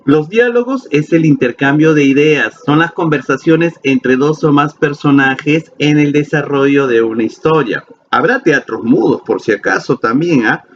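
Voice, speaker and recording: In a classroom lecture video, a playful Peruvian man with a mid-range voice teaches a lesson, asking questions and answering them himself. The sound is slightly dull and lo-fi with faint ambience.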